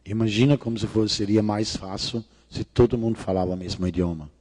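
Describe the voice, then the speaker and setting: A middle-aged Danish man lectures in Portuguese with a Danish accent, his voice on the low side, steady, a bit quick and slightly mellow. The conference talk is jokey and irreverent, with casual swearing and non-native grammar slips. The large lecture hall makes the sound reverberant.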